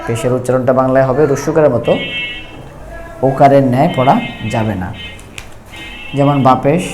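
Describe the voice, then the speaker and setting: A man teaching Quran reading, explaining step by step and repeating each letter sound slowly. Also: medium pitch, steady tone, darkish tone, soft background music. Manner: slow, repetitive, drawn-out letter sounds. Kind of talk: step-by-step recitation lesson.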